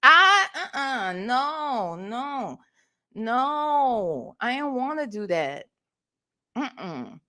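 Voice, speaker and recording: This middle-aged Ohio woman stretches out her words in a voice on the high side while telling stories on her livestream. Conversational and animated, she's emphatic and sassy and keeps asking tag questions to check in with listeners.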